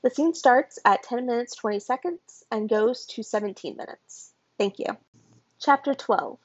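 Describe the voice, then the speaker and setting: A woman reading a chapter of fan fiction aloud in a steady storytelling manner. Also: a little high, measured pace, no room sound. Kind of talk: audiobook-style story narration. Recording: dull lo-fi home recording.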